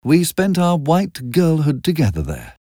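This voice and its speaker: A restless young society woman, airy and mocking, her voice lifted high and swooping with tense, cynical gaiety, as a male reader puts her on. The recording is dry and close, with no room sound. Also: huge pitch swings, measured pace, warm tone, no echo, full character voice. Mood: teasing. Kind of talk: audiobook character voice.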